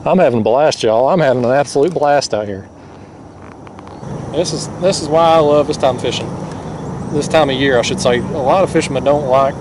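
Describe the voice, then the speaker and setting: Young man, folksy and excited, laughs a lot, kayak fishing vlog, action camera, outdoor noise. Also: mid-range voice. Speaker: fishing vlogger. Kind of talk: casual outdoor fishing commentary. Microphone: action camera mounted on the kayak.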